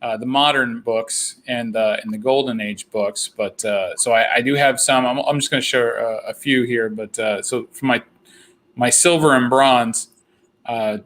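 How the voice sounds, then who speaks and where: Bright-voiced rambling male host. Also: medium pitch, moderate pace. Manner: rambling, lots of restarts. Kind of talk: casual chat on a video call.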